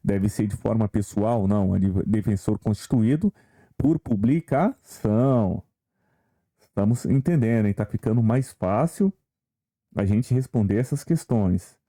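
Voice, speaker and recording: A man's voice: on the low side, measured pace, dark tone. A man teaching an online exam-prep law lesson, walking viewers through questions and asking them rhetorical questions along the way.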